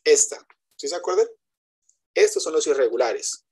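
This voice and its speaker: Male English teacher, web lecture, husky tone, patient step-by-step explainer, switches between Spanish and English examples. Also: on the high side, animated, normal speed, darkish tone. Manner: explains step by step, keeps checking with students. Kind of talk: online class lecture. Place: web conference.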